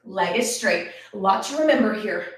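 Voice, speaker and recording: A woman's voice: mid-range voice, animated, moderate pace, a little hiss or hum. A woman leading a live workout class, counting reps and cheering people on while out of breath. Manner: encouraging, counts reps aloud. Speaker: fitness instructor. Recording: echoey room, voice from a distance.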